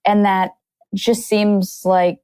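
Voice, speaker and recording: A woman's voice: mid-range voice, flat delivery, slow pace, warm tone, smooth, no echo. A woman hosting a podcast, chatty and musing, who laughs easily as she talks with her guest. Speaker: podcast host. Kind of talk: casual interview conversation.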